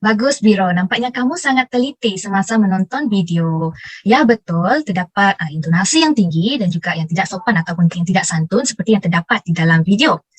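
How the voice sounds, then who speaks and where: A woman's voice: mid-range voice, expressive, a little fast, no echo. A young woman teacher, formal and encouraging, praising her students.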